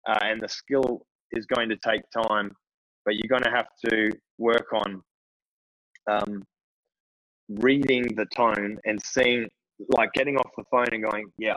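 A man's voice: medium pitch, a bit bright, low-quality recording. A man coaching tradespeople on phone sales, talking loosely with many fillers. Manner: casual, conversational, many fillers. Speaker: business coach. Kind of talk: instructional talk to tradespeople.

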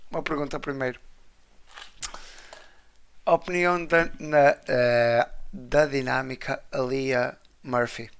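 Creaky-voiced Portuguese man, clear and casual. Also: mid-range voice, steady tone, slow, pauses often, fairly bright tone. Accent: European Portuguese. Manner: slangy, mixes in English words. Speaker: wrestling show co-host. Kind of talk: casual live chat about wrestling.

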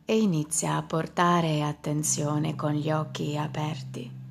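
A woman leading a guided meditation in a slow, soft voice that often drops into a whisper. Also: sits low, level tone, gravelly, a little hiss or hum.

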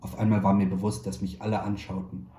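A male actor reads a literary short story in a measured, quietly wry manner. His voice is low and very dark and mellow. The recording sounds roomy, with a faint hiss underneath. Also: little pitch movement. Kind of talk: literary audiobook reading. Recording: roomy echo, faint background noise.

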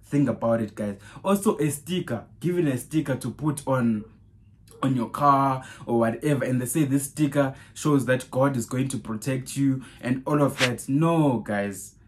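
A man preaching a podcast sermon who fires off rhetorical questions and keeps checking in with "guys" and "right?", getting louder and more animated on Bible quotes. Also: medium pitch, moderate pace.

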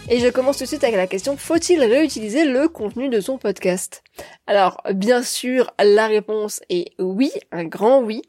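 A woman's voice: on the high side, normal speed, darkish tone, no echo, soft background music. A woman hosting a podcast, talking upbeat and straight to her listeners. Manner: upbeat, direct address to listeners. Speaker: podcast host. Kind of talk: scripted podcast talk.

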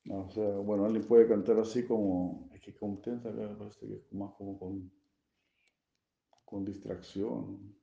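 Gravelly, dark-voiced swami teaching. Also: male voice, lowish voice, level tone, measured pace. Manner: explains gently with frequent tag questions, chuckles at own jokes. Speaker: swami giving a scripture class. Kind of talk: sermon. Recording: echoey room, dull lo-fi sound.

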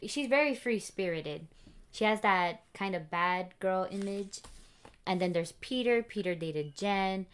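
Smooth-voiced young woman chatting casually. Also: mid-range voice, animated, a little slow. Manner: casual, filler-heavy, trails off into restarts. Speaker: podcast co-host. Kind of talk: casual book discussion.

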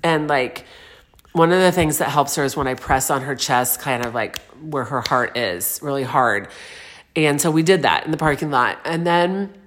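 A woman in her forties speaks in a notably deep, low register. She muses aloud in an earnest, meandering way, often restarting her sentences. Her wording is gentle and spiritual. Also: moderate pace. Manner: soft-spoken spiritual vocabulary. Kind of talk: personal reflective monologue.

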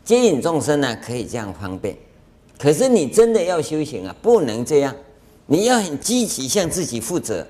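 His voice sits on the high side and moves at a moderate pace as he, a Buddhist master with a Taiwanese Mandarin accent, gives a dharma lecture in a lecture hall. Anecdotes come alive through acted-out dialogue and chuckles.

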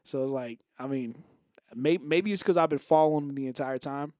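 A man's voice: mid-range voice, darkish tone, no echo, studio quality. A young man hosting a podcast, chatting casually and rambling with loose swearing. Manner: rambling, swears freely, quick bursts. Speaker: podcast host. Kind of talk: casual chat.

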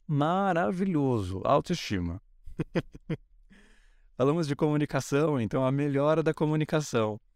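A man's voice: a little high, animated, normal speed, pauses often, a little mellow, no room sound, studio quality. A young Brazilian man with a Brazilian Portuguese accent, hosting a casual solo podcast and chatting freely, often acting out bits of dialogue in playful voices. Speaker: podcast host.

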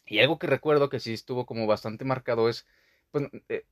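A man's voice: mid-range voice, brisk, dry recording, studio quality. A young man hosting a podcast, talking through a childhood memory in a rambling, casual way with many fillers. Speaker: podcast host.

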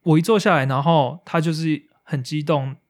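A man's voice: on the high side, steady tone, normal speed. A man co-hosting a podcast, telling a story in casual chat and acting out quotes with English slang. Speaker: podcast co-host.

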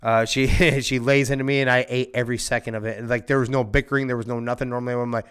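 A man telling a wild story in casual podcast chat, animated and profane, laughing often and shouting when he acts out the scene. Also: mid-range voice, fast talker, clear, resonant tone. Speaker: storyteller guest.

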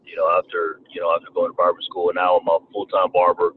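A man in his thirties from Rwanda with a slight Southern twang, talking haltingly as an interview guest and often repeating words. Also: low voice, monotone. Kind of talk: casual interview talk. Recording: tinny phone-like line, faint noise.

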